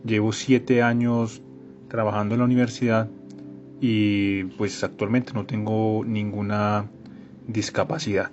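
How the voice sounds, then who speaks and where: A Colombian man introduces himself as a professor in a lowish, flat voice. The sound is slightly dull, with faint music behind. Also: a little slow. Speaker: bioengineering professor. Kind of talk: self-introduction.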